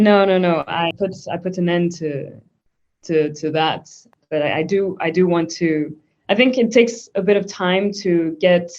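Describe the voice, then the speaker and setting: A woman's voice: fairly low pitch, darkish tone. A woman from Switzerland, a guest in a conversational interview, talking thoughtfully with frequent restarts. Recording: dull lo-fi sound.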